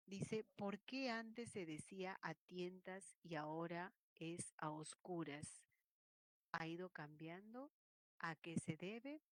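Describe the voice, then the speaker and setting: A woman's voice: on the low side, no room sound. A woman teaching an online language lesson, explaining points and acting out regional ways of speaking. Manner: explanatory, acts out regional speech examples.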